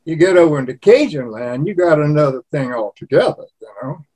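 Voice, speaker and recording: An older man in his eighties from Louisiana talks in a loose, rambling way. His voice sits a touch high for a man, and he tells his stories as a guest in a casual chat. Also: animated, brisk, darkish tone, husky. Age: 80s. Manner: rambling storyteller, slips into regional imitations. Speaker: cookbook author and guest.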